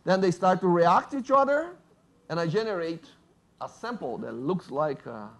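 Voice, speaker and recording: A man with a Brazilian Portuguese accent, a native Portuguese speaker, giving a lively university physics lecture and joking with the audience. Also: sits high, moderate pace. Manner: lively, jokes with audience, asks "right?".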